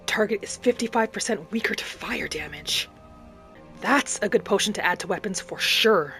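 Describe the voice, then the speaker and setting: A woman narrates a game in character, musing aloud dramatically. Her voice is medium in pitch, a bit bright, and lively in intonation, delivered at a moderate pace over faint background music.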